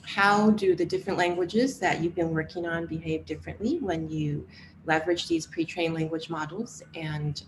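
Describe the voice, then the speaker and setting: Female panel moderator, slightly low voice, polite and informal, some background noise. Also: poor audio.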